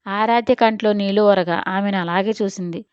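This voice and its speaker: A woman storyteller reading an audio story in a steady, expressive way. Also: medium pitch, fairly quick, clean tone, dry recording, highs cut off. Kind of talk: scripted audio-story narration.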